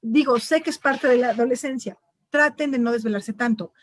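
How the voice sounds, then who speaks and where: A woman's voice: a little high, a little fast, no echo. A woman speaking as a parent guest in a casual panel conversation, talking animatedly and acting out scenes between parent and child. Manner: animated, acts out quoted parent and child voices.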